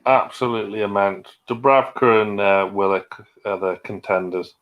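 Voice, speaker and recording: An excitable man hosting a casual football watch-along, repeating his exclamations. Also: lowish voice, moderate pace, muffled recording.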